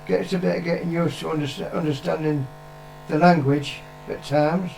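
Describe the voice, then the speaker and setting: The vlogger's father, an older British man, gives his opinions bluntly and plainly, swearing and repeating himself for emphasis. His voice sits on the high side with fairly even intonation, normal speed, vocal fry and a slightly mellow quality, with soft music in the background.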